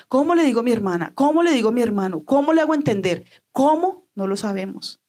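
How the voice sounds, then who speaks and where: A woman's voice: mid-range voice, warm tone. A woman pastor from Colombia preaching a sermon, telling stories and acting out the voices of the people in them. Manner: acts out quoted voices, shifting pace. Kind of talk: sermon storytelling.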